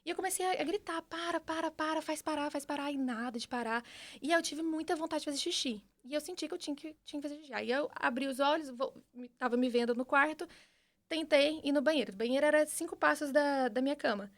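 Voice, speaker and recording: A young woman with a Brazilian Portuguese accent, a podcast guest giving an earnest, animated personal testimony with frequent restarts. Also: high voice, fast talker. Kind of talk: personal testimony in casual conversation.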